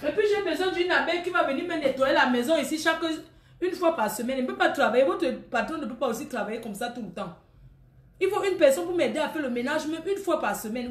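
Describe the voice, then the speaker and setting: A woman's voice: high-pitched, echoey room. A woman selling clothes on a live stream, chatting with her viewers in a scolding, teasing, laughing way.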